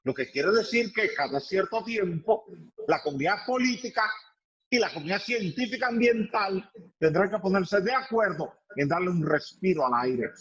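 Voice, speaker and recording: A man's voice: high voice, expressive, normal speed, highs cut off. A man speaking as an environmental expert guest in a radio interview, explaining emphatically and building points through repetition.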